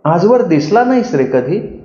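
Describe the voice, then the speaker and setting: A man voicing an elderly, sharp-tongued village mother who scolds and teases fondly, in a roomy, dull recording. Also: on the low side, big pitch swings, a little slow, voice pushed up. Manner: scolding, teasing.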